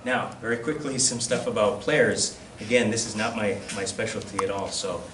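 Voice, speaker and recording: This is an informal slide-show lecture at a collectors' society, held indoors in a classroom. The presenter, a man with a lowish voice and fairly even intonation, halts and hesitates and pokes fun at himself, heard distantly through a camera across a noisy, echoey room.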